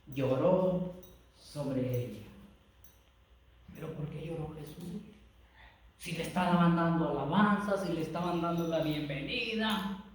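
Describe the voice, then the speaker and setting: A man's voice: fairly high pitch, a little mellow. A man preaching a sermon as a lay preacher, impassioned, calling listeners brothers and often stumbling over repeated words. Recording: very echoey room, mic far off.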